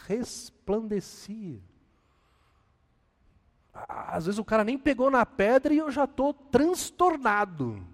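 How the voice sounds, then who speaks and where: Animated Brazilian man preaching in a hall. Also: on the high side. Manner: animated preaching with self-deprecating humor. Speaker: pastor. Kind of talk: sermon.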